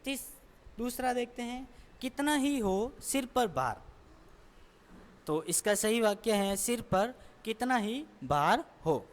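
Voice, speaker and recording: A woman's voice: fairly high pitch, animated, takes it slowly. A woman teacher explaining a lesson patiently, step by step, repeating each answer. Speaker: school teacher. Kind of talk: recorded classroom lesson explanation. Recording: long echoing reverb.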